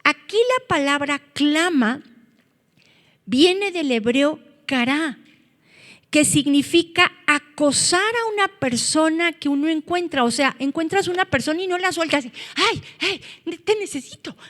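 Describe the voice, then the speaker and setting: High-voiced woman preaching slowly in a hall. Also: expressive. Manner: earnest, rises to loud cries when quoting scripture. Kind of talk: sermon.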